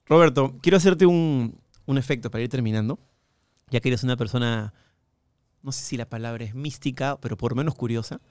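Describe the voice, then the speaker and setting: Smooth-voiced male host performing a trick. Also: mid-range voice, a little fast, dry recording, studio quality. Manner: warm, theatrical when leading a card trick. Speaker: interview host and amateur magician. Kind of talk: casual interview conversation.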